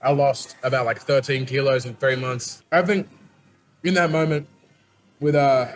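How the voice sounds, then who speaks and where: A man's voice: mid-range voice, fairly even intonation, normal speed. A young man hosting a food challenge with casual, blunt, chatty banter. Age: young adult. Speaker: host asking questions in a food challenge.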